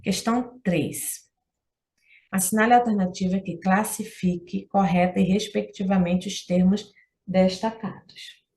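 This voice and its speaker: A woman's voice: medium pitch, steady tone, moderate pace, darkish tone. Brazilian woman, exam-prep teacher, patient step-by-step explainer of test questions. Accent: Brazilian Portuguese. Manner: explanatory, checks in with listener often.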